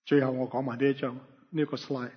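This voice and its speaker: A man's voice: mid-range voice, flat delivery, brisk, husky. A man with a Hong Kong Cantonese accent preaching in short phrases for an interpreter, colloquial and full of rhetorical questions. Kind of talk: sermon delivered phrase by phrase for an interpreter. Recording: dull, reverberant hall sound.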